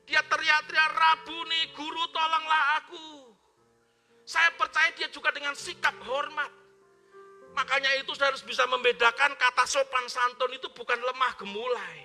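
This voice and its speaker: A male pastor preaching from the pulpit in a very high, piercingly bright voice. He talks loudly and forcefully, calling on the congregation to repeat his words. The live-streamed service has faint music in the background. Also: little pitch movement, normal speed. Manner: loud forceful preaching with call-and-response prompts. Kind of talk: sermon. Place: church.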